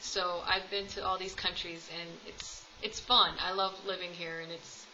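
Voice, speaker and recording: At home with her cats, a twenty-something American vlogger rambles through a casual tag video with lots of ums. Her lowish voice is level and sharp-toned at a normal pace, recorded lo-fi with slight background noise.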